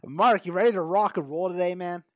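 A man hosting a sports talk show in an upbeat, energetic presenting manner. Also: high-pitched, fairly quick. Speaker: host.

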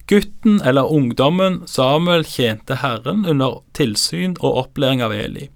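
A man acting as a Bible teacher, giving calm, explanatory commentary on scripture. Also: mid-range voice, gravelly, no room sound, studio quality.

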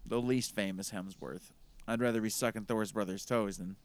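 Podcast co-host, man, smooth resonant voice, jokey and rambling. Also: lowish voice, fairly even intonation, moderate pace. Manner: jokey, rambling, laughs often. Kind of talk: casual chat.

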